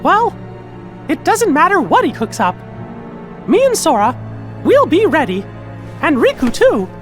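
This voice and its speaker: A man voicing a small, plucky cartoon mouse hero in a squeaky falsetto for a video game cutscene. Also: wildly swooping pitch, measured pace, full character voice. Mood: eager, determined. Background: background music.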